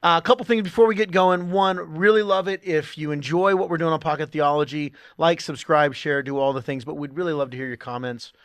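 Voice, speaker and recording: A man's voice: on the high side, fairly even intonation, brisk, few pauses, smooth. Chatty upbeat male podcast host. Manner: upbeat, chatty, laughs often. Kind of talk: casual podcast chat. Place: studio room with others.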